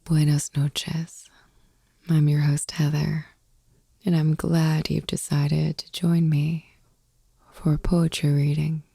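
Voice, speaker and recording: As host of a sleep ASMR podcast, a woman reads poetry in a soft, breathy whisper right up against the microphone, slow and soothing. Her voice is low and level, with no room sound at all.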